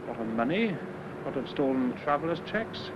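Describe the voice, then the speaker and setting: An actor playing a good-humoured, deferential police subordinate in a 1970s television drama, respectful and wry with some hesitancy. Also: male voice, mid-range voice, very animated, moderate pace, close to an everyday voice. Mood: respectful, informative. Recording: muffled, noisy 1970s television location sound.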